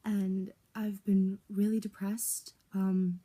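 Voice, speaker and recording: A young woman of about eighteen, from the United States, speaks in a mellow, softly dark voice as she talks through her life story at home. She is candid and halting, full of "um" and "like", stopping and restarting as she goes. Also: medium pitch, level tone. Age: young adult. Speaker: vlogger. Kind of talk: personal life story vlog.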